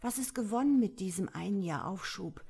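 A woman's voice: mid-range voice, lively intonation, brisk, gravelly, dark tone, slightly rough, voice pushed up, exaggerated voice. A woman reading the lines of a fretful old mountain lord from a fairy tale, lamenting and whining.

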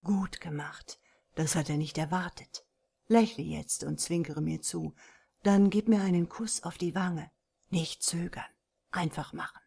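A woman reading an audiobook, voicing a calm, self-assured young man who teases and coaxes. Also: deep voice, unhurried, gravelly, heavily acted. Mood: whispered. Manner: calm, teasing, coaxing.

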